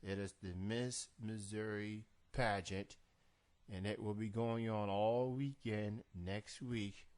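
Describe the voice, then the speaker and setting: A man hosting an unscripted interview in a halting manner with drawn-out pauses. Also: fairly low pitch, steady tone, a little mellow, clear, resonant tone. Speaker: interview show host. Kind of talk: unscripted radio-style interview.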